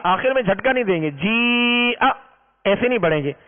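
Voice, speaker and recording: A man gives a measured recitation lesson, explaining each rule patiently and stretching the long vowels. The sound is thin and phone-like, with a long reverb tail trailing his words. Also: sits high, lively intonation. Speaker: Quran reading teacher. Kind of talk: recorded tajweed lesson. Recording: tinny, reverberant lo-fi recording.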